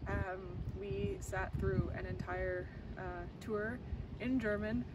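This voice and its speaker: A young Canadian woman, a law student, answers interview questions outdoors on a campus plaza by a glass building, loose and chatty with lots of "um" and repeated "really." Her mid-range voice is slow with fairly even intonation, sounding distant because the camera mic is a few meters away. Loud traffic and street noise run underneath.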